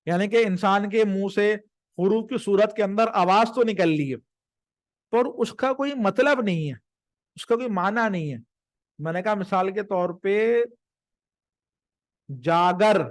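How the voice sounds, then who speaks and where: A man giving a live grammar lesson, who explains patiently, slows down to stress each word of a definition and keeps checking with his listeners. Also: high voice, dry recording, clean studio sound. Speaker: teacher.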